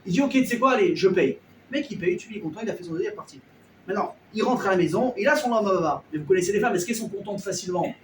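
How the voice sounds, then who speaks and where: A man's voice: sits high, rapid-fire, slight background noise. A man, a rabbi, telling a story as a sermon in casual slang, acting out the people in it. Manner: lively storyteller acting out characters, colloquial. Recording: echoey room, voice a bit far from the mic.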